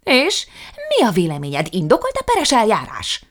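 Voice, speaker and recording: A woman's voice: medium pitch, huge pitch swings, pitched above the performer's own voice. A woman reading an audiobook, voicing an indignant, blustering middle-aged man who rants theatrically. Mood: pompous. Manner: loud, theatrical ranting.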